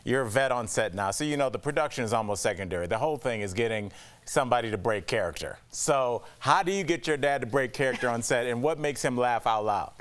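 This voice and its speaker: Fast-talking man co-host. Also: medium pitch, lively intonation, a bit bright. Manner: quick, chatty. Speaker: co-host and comic. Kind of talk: talk show chat.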